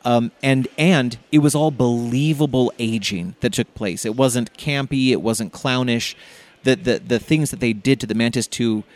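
A man on a casual podcast panel who talks through his points carefully and analytically. His voice sits at a middle pitch, and he restarts his phrases as he thinks. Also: moderate pace. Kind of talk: casual review chat.

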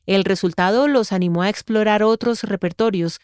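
A woman reads a scripted podcast narration in a measured, formal way. Her voice is smooth and clear, recorded close and dry with no room sound. Her pitch sits in a middle range. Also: a little mellow, no room sound.

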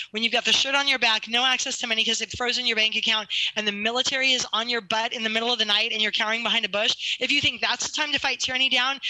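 A woman speaking as a guest attorney in an interview, talking in an emphatic, fervent, rapid-fire way. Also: fairly high pitch, pushed and bright, dry recording, poor audio. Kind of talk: impassioned interview talk.

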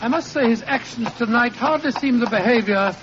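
A noisy, muffled vintage radio drama features a loyal British gentleman doctor. His voice sits high for a man, proper and blustery, with an earnest, genial turn. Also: brisk. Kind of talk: old-time radio drama acting.

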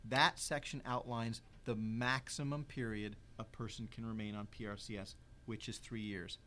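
A man explaining legal rules in an interview, measured and precise, stressing key words. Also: lowish voice, fairly even intonation, sharp tone, a little hiss or hum. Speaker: legal expert guest.

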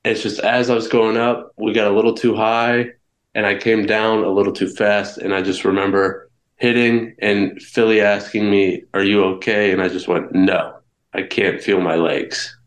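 A man's voice: lowish voice, little pitch movement, normal speed. A young man being interviewed, telling his story candidly, with frequent restarts and fillers. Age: young adult. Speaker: guest wrestler. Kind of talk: casual interview. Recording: echoey room.

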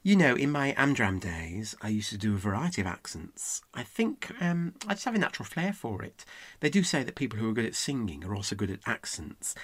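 A woman's voice: rumbling low, very animated, brisk, slightly rough, no echo. A woman interviewing a guest in a comedy sketch, dry and sarcastic.

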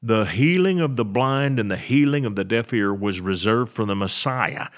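An older man, a pastor, teaching a sermon and explaining Bible verses, slowing down to stress key words. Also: fairly low pitch, expressive.

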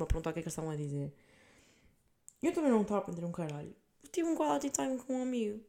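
A woman's voice: mid-range voice, mellow. A woman in her twenties with a European Portuguese accent, hosting a podcast and telling stories in a chatty way, swearing freely and mixing in English words. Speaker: podcast host. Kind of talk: casual monologue, storytelling.

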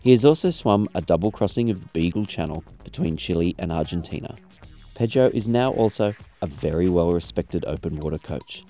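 A man hosts a podcast and reads a scripted introduction at a measured pace. His voice is low and mellow. Faint music plays behind him. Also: animated. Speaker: podcast host.

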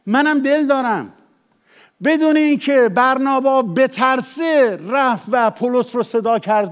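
An older man with a Persian accent, a pastor preaching a sermon, shifting between emphatic raised passages and quiet confessional asides. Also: extremely high pitch. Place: church, at the pulpit.

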